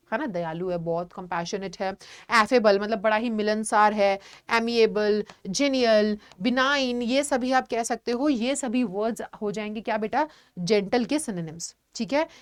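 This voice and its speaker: A young woman teaches a vocabulary class in a patient, encouraging tone, often checking that her students follow. Her voice sits fairly high. The recording is dry and close, with no room sound. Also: no echo. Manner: explains patiently, addresses students as "beta", frequent "theek hai" check-ins. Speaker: online teacher.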